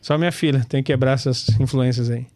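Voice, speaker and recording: A man's voice: medium pitch, steady tone, fast, darkish tone, no room sound. A man, teaching scripture in a casual, chatty way, calling listeners brother and laughing often. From Brazil. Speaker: pastor and Torah teacher.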